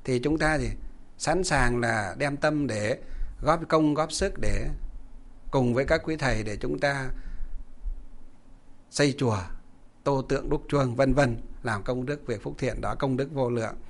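A man's voice: mid-range voice, unhurried, long pauses. A man, a Buddhist monk, giving a dharma talk to lay followers, posing rhetorical questions and answering them himself in an earnest, repetitive, instructive way.

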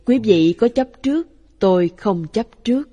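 A woman reading a Buddhist dharma talk aloud in a calm, even, measured way. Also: a little high, highs cut off. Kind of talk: slow read-aloud Buddhist sermon. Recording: long hall reverb.

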